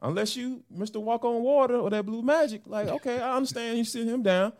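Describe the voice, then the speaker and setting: A man co-hosting a casual sports podcast, talking in an animated, slangy way and joking with his partner. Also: very high-pitched, brisk. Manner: animated, slangy banter with laughs. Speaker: podcast co-host.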